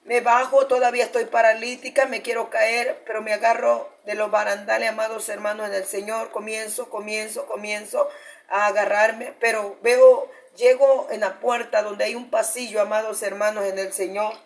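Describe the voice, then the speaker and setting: A woman pastor preaches a fervent testimony in a slightly high voice. She keeps turning to the congregation to call them beloved brothers and sisters in the Lord. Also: level tone, normal speed, creaky. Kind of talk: sermon testimony.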